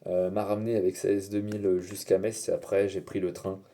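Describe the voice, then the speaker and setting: Casting: low-pitched, very dark-voiced man from France, casual hesitant vlogger. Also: little pitch movement, fairly quick. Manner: hesitant, many "euh" fillers. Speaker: car vlogger. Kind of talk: casual explanatory vlog.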